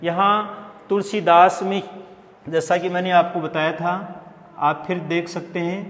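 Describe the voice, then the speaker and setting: A man with a fairly high voice gives a lecture, slow and patient, repeating each phrase so students remember it. His voice rings out with a long echo, as if in a bare, reverberant room. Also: little pitch movement, fairly bright tone. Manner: slow and explanatory, repeating phrases, sounding out syllables. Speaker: Hindi literature teacher. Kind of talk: classroom-style lecture.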